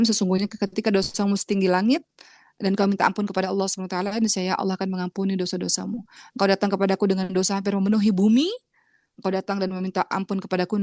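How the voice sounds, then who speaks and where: A woman's voice: darkish tone, no echo, studio quality. A woman from Indonesia giving an earnest religious lecture, talking straight to her listeners as friends and acting out pleading prayers. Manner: earnest, acts out pleading prayers with rising pitch; addresses listeners as friends, refers to herself as Uma. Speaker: preacher.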